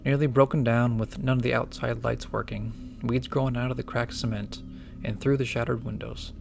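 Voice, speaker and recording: A man's voice: medium pitch, steady tone, normal speed, vocal fry, over music, close to an everyday voice. A man playing a nervous, deferential young apprentice investigator in an audio drama, hesitant and apologetic. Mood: hesitant, reporting.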